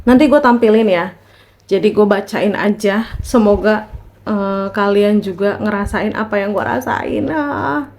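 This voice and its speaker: Seorang wanita muda membacakan kisah horor pendek dari internet dengan gaya santai dan mengobrol, sambil sesekali berseru kaget. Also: female voice, mid-range voice, fairly even intonation, measured pace, a little mellow, slight background noise. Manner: chatty, reacts with small shocked exclamations. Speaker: horror story reader. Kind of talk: casual reading of short horror posts.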